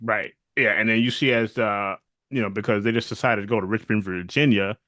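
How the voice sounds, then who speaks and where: A man co-hosting a casual podcast recap of a TV series, animated and often acting out characters' lines. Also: on the low side, brisk, no room sound. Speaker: podcast co-host.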